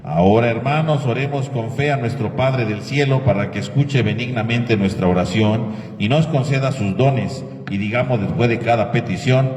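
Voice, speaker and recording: Priest, cathedral echo. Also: male voice, mid-range voice, normal speed, few pauses, darkish tone. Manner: preacherly, rhetorical questions. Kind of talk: homily and prayers at Mass. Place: large church. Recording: echoey church hall from far off.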